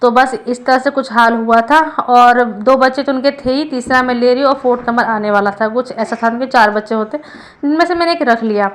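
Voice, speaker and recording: A woman's voice: fairly high pitch, fairly quick. A young woman vlogger talking casually and earnestly about her family, rambling with frequent restarts. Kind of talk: casual personal vlog.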